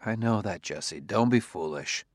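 A man reading an audiobook, voicing a patient middle-aged policeman who speaks low, gentle and brief. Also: expressive, moderate pace, no echo, studio quality, natural voice.

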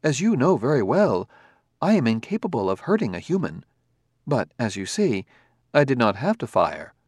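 A man's voice: mid-range voice, sing-song, moderate pace, a little mellow, husky, dry recording, studio quality. A man voicing a polite, formal male humanoid robot who speaks precisely, with no contractions.

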